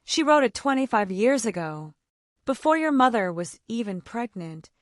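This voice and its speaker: A gentle, loving old grandfather, read by a woman, speaking softly and tenderly. The voice sits high and swings widely in pitch. It is recorded dry and close, with no room sound. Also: big pitch swings, moderate pace, no room sound.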